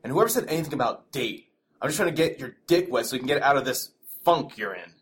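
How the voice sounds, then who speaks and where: A man's voice: mid-range voice, lively intonation, quick pace, lightly acted. A young man playing a pushy, pleading college frat guy in an audio story, talking in casual slang. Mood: teasing. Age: young adult. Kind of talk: audio drama acting.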